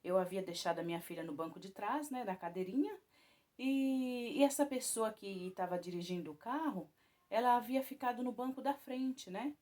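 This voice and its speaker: Woman giving a rambling spoken testimony. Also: normal speed. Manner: rambling, many restarts and tag questions; voice rises high and loud when retelling alarm. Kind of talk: personal testimony told to viewers.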